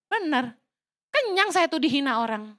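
A woman pastor preaching a lively church sermon in a casual, teasing way. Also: sits high, moderate pace. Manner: lively, mocks petty prayers in put-on voices. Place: church service, livestreamed.

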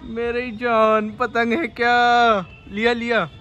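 Excitable young man vlogging on a rooftop. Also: very high voice, takes it slowly, lo-fi sound. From India. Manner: excitable, laughing, urging a friend on. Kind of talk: casual vlog commentary. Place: rooftop outdoors in a city. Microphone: phone camera held by the speaker.

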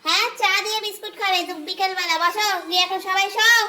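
A woman's voice: very high voice, fairly even intonation, fast talker, pushed and bright, a little hiss or hum. A woman vlogging at home with her cats, chatting to viewers and coaxing her pets in baby talk. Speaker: cat owner and vlogger. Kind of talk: casual pet vlog, talking to viewers and cats.

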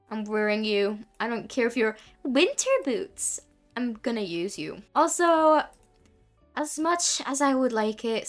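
A woman's voice: a little high, a bit bright. A woman giving casual gameplay commentary in a playful, mock-earnest, chatty way, speaking into a desk mic at home. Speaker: gaming video creator.

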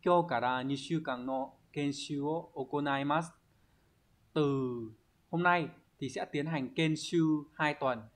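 A man's voice: on the high side, takes it slowly. A man teaching a Japanese exam review lesson, patiently walking through each answer and often asking his students to confirm. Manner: patient, explanatory, frequent check-in questions.

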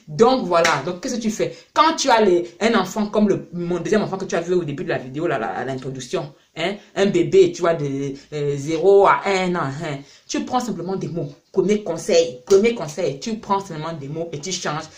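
A man's voice: a little high, moderate pace, few pauses. A man from France, a parent and channel host, giving a casual spoken lesson, chatty with lots of fillers and repeated words.

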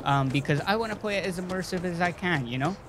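A man's voice: high-pitched, fast talker, noisy background. Chatty rambling gamer guy. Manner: rambling, chatty, jokey, talks to his viewers. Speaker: gaming YouTuber. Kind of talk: casual let's-play commentary.

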